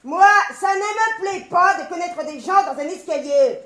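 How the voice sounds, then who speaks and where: A man voicing a coarse, loud young maid with shrieking laughter and a brash, mocking manner. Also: extremely high pitch, animated, reverberant, pitched above the performer's own voice. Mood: coy mocking. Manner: brash, mocking, quick to scold.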